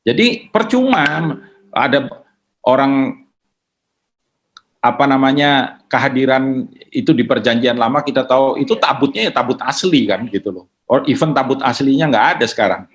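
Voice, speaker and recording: A man's voice: medium pitch, normal speed, pauses often. Casual man explaining faith questions. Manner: casual, mixes in English words. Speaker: pastor answering questions. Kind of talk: conversational teaching.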